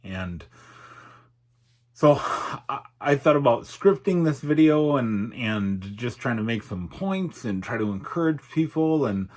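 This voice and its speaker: A man's voice: mid-range voice, lively intonation, darkish tone. A middle-aged man speaking candidly and hesitantly in an unscripted personal vlog, his articulation slightly altered by a numb face. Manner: halting, reflective, hesitant. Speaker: YouTuber and podcaster.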